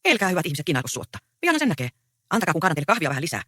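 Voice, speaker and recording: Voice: mid-range voice, big pitch swings, pushed and bright, no room sound, clean studio sound. A reader voicing a bustling, scolding peasant housewife in a stage play read aloud.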